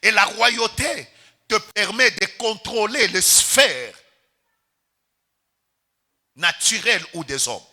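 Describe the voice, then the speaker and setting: A man's voice: sits high, sharp tone. A Congolese pastor preaching a sermon in church, calling out to the congregation and stretching his key words for emphasis. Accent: Congolese French.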